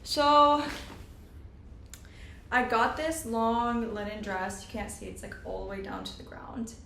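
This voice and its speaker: A woman's voice: fairly high pitch, unhurried, a bit bright, a little hiss or hum. A young woman talking casually in a video journal, chatty and rambling, recorded on a laptop's built-in mic at home. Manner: chatty, rambling, self-aware. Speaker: vlogger.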